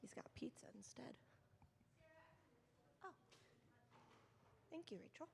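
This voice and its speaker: A woman's voice: fairly high pitch, expressive, slow pace, vocal fry, darkish tone, big-room sound, a little hiss or hum. A woman who leads a children's ministry, speaking informally to a group of volunteers at a training session in a church meeting room. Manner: informal and conversational, addressing a group.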